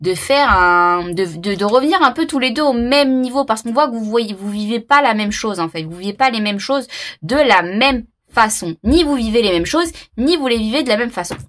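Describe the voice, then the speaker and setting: Woman tarot reader, casual to-camera talk, halting, full of fillers and self-laughs. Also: on the high side, animated, a bit bright. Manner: hesitant, many fillers and repeats; laughs at herself.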